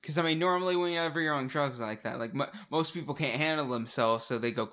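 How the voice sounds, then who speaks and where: Bright-voiced laughing podcast guy. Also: a little high, fast talker. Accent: Oklahoma. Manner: laughs a lot, swears casually, restarts sentences. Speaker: podcast co-host. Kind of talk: casual comedic chat.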